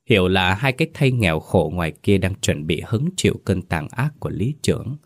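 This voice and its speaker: A man's voice: deep voice, lively intonation, fairly quick, no room sound, clean studio sound. Man narrating a horror story.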